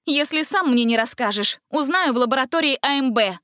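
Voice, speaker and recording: A woman voicing a stern young female investigator who barks sharp orders in a storybook reading. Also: sits high, animated, a little fast, no echo, clean studio sound, voice pushed up. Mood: commanding. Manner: sharp, commanding.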